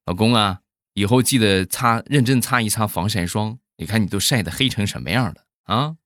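A man's voice: fairly low pitch, a little fast, fairly bright tone, dry recording, clean studio sound, natural voice. A man voicing a young wife who teases and scolds her husband. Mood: teasing. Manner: scolding, teasing.

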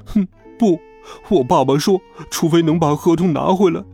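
A man's voice: a little high, moderate pace, vocal fry, mellow, slightly rough, soft background music. A man voicing a chubby schoolboy who whines and sobs through his words in a storybook reading. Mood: sobbing. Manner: sobbing, whiny. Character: chubby crying schoolboy, whiny and blubbering.

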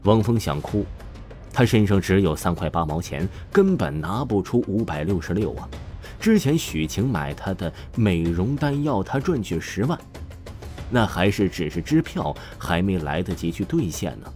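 Over soft background music, a low-voiced man tells an audiobook story dramatically, performing every character himself. His scripted narration moves at a normal speed with big pitch swings.

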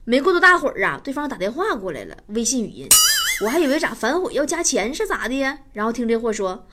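A woman's voice: a little high, sing-song, quick pace, heavy background noise. A woman comedian, telling stand-up stories in a teasing, self-mocking way. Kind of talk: stand-up storytelling.

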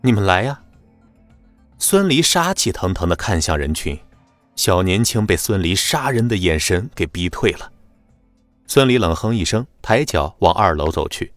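A man narrating a web novel audiobook in a lively, dramatic storytelling manner. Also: low-pitched, moderate pace, faint music behind.

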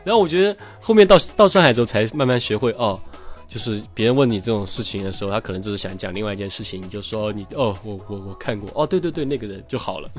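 A man hosting a podcast, chatting casually in a relaxed, rambling way that trails off quietly at the ends of his thoughts. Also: fairly low pitch, fast, soft background music. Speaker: podcast host. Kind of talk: casual chat.

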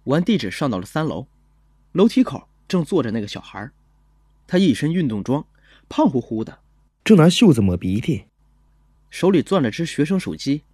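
A man voicing a young police officer who tells his story in a calm, gentle, measured first-person narration for an audio drama. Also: mid-range voice, husky, no echo, studio quality.

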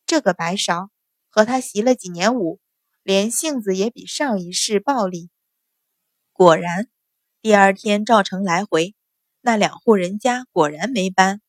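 A woman narrating a novel in a steady storytelling voice. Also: medium pitch, a little slow, no echo, clean studio sound. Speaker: audiobook narrator.

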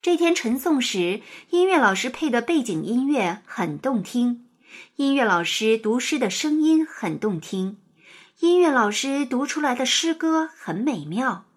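A woman narrating a children's story in an expressive, sing-song storytelling manner. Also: a little high, a little slow, husky.

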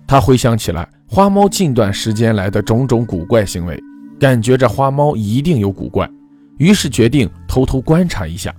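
A man narrating a folk ghost story in a measured, dramatic storytelling manner. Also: mid-range voice, a little mellow.

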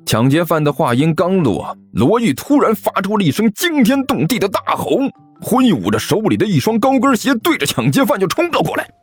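A man narrating an audiobook story in a lively, expressive way. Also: high-pitched, a little fast, few pauses, husky, soft background music.

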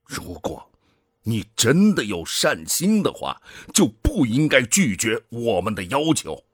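In Chinese science-fiction radio drama acting, a man voices a cold, ambitious, middle-aged project commander who coaxes and justifies himself. His husky, low voice argues slowly, measured and authoritative, with swelling and dropping emphasis that turns sing-song and exaggerated; the mood is persuasive and earnest. The studio sound is dry, with no echo.

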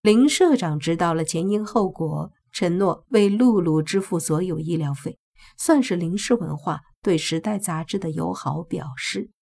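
Woman narrator, steady storytelling, husky, lowish voice. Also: moderate pace. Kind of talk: scripted audiobook narration.

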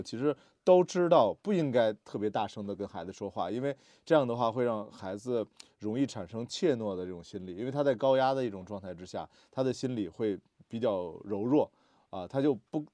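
A man with a dark, mellow voice chats casually about parenting. He tells his stories at an easy pace and drops in steady little sounds of agreement. The recording is dry and close. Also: fairly low pitch, dry recording. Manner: storytelling, frequent murmured agreement. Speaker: podcast co-host, father.

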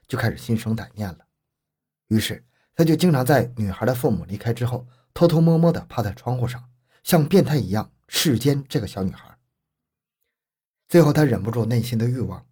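This scripted true-crime narration comes from a man speaking in a measured, grave, dark manner. His pitch is average, and his voice carries a husky, somewhat rough quality.

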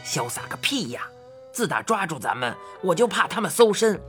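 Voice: mid-range voice, very animated, moderate pace, a bit bright, faint music behind, pitched below the performer's own voice. A storyteller voicing a cheeky, fearless eccentric old man who banters in colloquial speech. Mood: teasing.

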